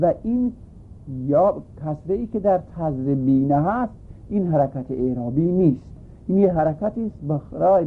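A man teaching a grammar lesson, patiently explaining a text and repeating each point in new words. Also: a little high. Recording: tinny phone-like recording.

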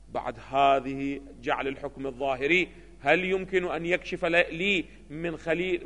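High bright-voiced male lecturer. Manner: keeps asking rhetorical questions of students. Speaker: seminary lecturer. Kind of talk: classroom lecture. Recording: long hall reverb.

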